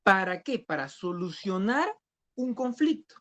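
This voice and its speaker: A man's voice: high-pitched, very animated, measured pace, fairly bright tone. A man teaching a discipleship Bible class who questions his students and repeats key phrases. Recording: dull lo-fi recording.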